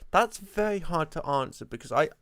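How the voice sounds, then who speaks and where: A man's voice: on the high side, expressive, normal speed, a bit bright, no room sound, clean studio sound. A man talking on a podcast, hesitant and full of restarts as he works out his example. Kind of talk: casual podcast discussion.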